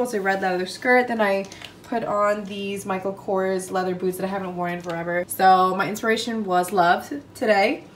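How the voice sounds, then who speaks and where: A woman's voice: medium pitch, a little hiss or hum. A young woman hosting a fashion vlog, chatting to a handheld camera in a casual, upbeat way and swearing now and then. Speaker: fashion blogger and vlog host.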